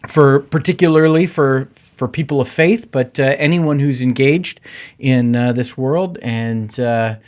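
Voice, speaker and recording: A middle-aged man, a pastor, hosting his own podcast in a relaxed, conversational way with many filler words. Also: medium pitch, a little slow. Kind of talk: casual podcast monologue.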